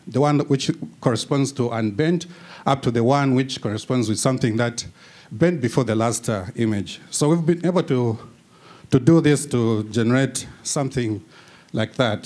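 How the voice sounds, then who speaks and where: A middle-aged man from Zambia presenting a technical talk at a conference into a handheld microphone, pausing often with fillers and restarts. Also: medium pitch, a little mellow. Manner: hesitant, many fillers and restarts. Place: conference room with audience and projector screen.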